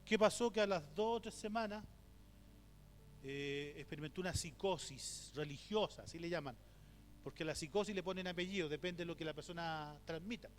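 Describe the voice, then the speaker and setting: A middle-aged Chilean pastor teaches at a church conference in a fairly quick voice that sits on the high side. He tells stories, poses rhetorical questions, and acts out the voices he quotes. The recording is from a reverberant church hall with a faint hum.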